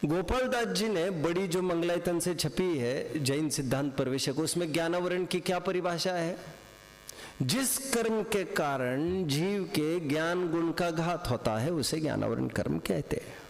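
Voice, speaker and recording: A man's voice: a little high, unhurried, gravelly. A man teaching a class of students, quizzing them and repeating his questions, mixing in English words. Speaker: religious teacher. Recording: echoey hall with long reverb.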